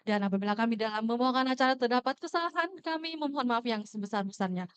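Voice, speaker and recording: A woman's voice: a little high, fast talker, clean tone. A woman working as an event emcee, giving polite, formal announcements into a microphone at a ballroom event.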